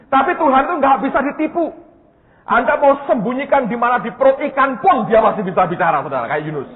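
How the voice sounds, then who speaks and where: A male pastor preaching a sermon, telling a personal story to his congregation and swinging between hushed asides and loud, animated emphasis. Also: a little high. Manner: storytelling, addresses congregation as "saudara". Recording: tinny phone-like sound with long hall reverb.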